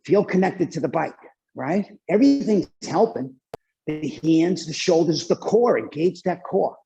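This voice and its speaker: A dull, lo-fi recording of a male spin instructor cycling hard as he coaches. His voice is a little high and muted, with slow, spaced-out cues pushed through heavy, exerted breathing. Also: animated, creaky, mellow. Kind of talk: motivational indoor cycling coaching. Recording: dull, muffled lo-fi class recording.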